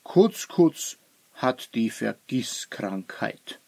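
A man playing an old, wise wizard who speaks slowly and thoughtfully in a children's story. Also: mid-range voice, sing-song, gravelly, darkish tone, dry recording, full character voice. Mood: grave. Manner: slow, musing, grave.

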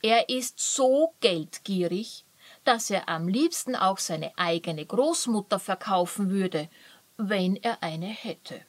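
A woman calmly reading a children's story aloud. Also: mid-range voice, takes it slowly, no room sound. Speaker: narrator.

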